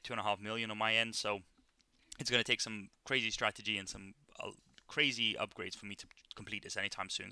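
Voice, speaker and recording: A man's voice: on the low side, pushed and bright, clean tone, dry recording. A man casually talking through a mobile game overview, rambling with many fillers and restarts. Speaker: gaming YouTuber.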